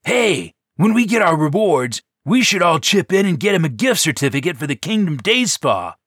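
A man puts on a goofy, carefree adventurer with a raised, bouncy, lively voice and easy slang. He sounds loose and playful, recorded dry. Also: on the high side, normal speed, husky, dry recording, voice pushed up, full character voice. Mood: joking. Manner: loose, jokey, laid-back slang. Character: carefree joking young male adventurer.

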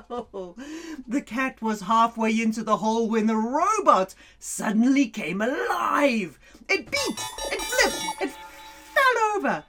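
A woman reading a children's story aloud in an animated way, laughing often and dropping to whispers. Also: on the high side, unhurried, faint music behind.

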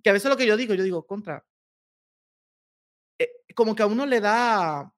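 A man, an author being interviewed on a podcast, talking in an animated and emotional way. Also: sits high, fast talker, no echo. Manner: emotional, animated, laughs often. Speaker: author guest.

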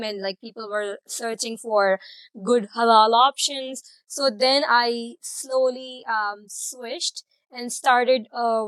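Woman, 30s, from Karachi, chatty podcast guest, slightly high voice, dry sound. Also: fairly bright tone, no room sound, poor audio. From Karachi, Pakistan. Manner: chatty, many "like" and "um" fillers. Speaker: guest, food blogger. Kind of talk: casual interview answers.

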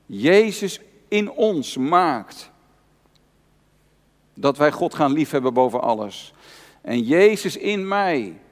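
A male pastor preaching an earnest, personal sermon, repeating key phrases for emphasis. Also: fairly high pitch. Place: church hall. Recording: long church reverb.

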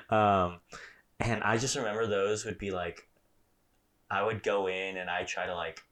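Young man, low-pitched, chatty storyteller who laughs easily. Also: unhurried, a bit bright. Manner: storytelling, laughs often, many fillers. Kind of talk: casual chat.

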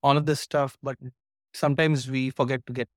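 A man's voice: medium pitch, level tone, brisk, no echo, clean studio sound. A man talking as an interview guest over a video call, eagerly walking through his material step by step. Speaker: guest course creator. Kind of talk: casual interview chat.

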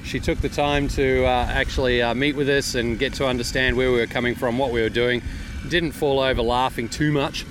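A man's voice: fairly even intonation, fairly quick. A man with an Australian accent co-hosting in a casual, matey way, full of effusive thanks. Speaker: podcast co-host. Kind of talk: casual chat. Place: outdoors at an air show. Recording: noisy outdoor site with engine rumble.

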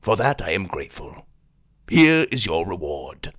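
A man's voice: deep voice, sing-song, a little slow, a bit bright, no room sound, voice pushed down, exaggerated voice. A man voicing a stingy, grumpy old king in a children's audio drama, speaking in a pompous, grudging way.

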